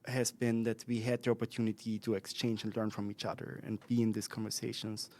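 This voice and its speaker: This guest expert has an Austrian accent and talks with a man's mid-range pitch and pace in a conversational podcast interview. He reasons through his points thoughtfully, with frequent fillers, pauses, restarts and self-corrections.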